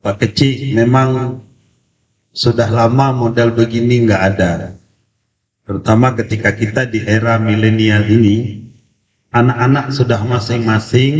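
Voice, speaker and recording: A male preacher with a cold giving a religious lecture with a story, speaking slowly and deliberately, heard through a distant, echoey, dull PA sound. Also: medium pitch, slight background noise. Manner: slow, deliberate delivery. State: has a cold. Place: community religious event.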